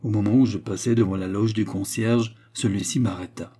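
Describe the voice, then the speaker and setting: Low husky man narrating a novel. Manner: measured, even storytelling. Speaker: audiobook narrator. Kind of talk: literary audiobook narration.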